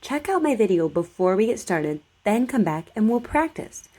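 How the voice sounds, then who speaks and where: A woman teaching a speech articulation drill, over-enunciating her words in a deliberate, instructional way. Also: medium pitch, big pitch swings, warm tone. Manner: over-enunciated, slow, deliberate model sentences.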